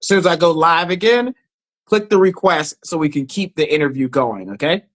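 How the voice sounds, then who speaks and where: A man's voice: a little high, expressive, fairly quick, a bit bright. A man hosting a dating show on a phone livestream, chatting casually, talking straight to viewers and laughing often.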